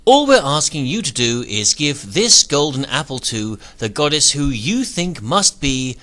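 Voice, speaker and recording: A man's voice: medium pitch, big pitch swings, a little slow, pushed and bright. A man voicing a cheery messenger god. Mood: reassuring. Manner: cheery, breezy.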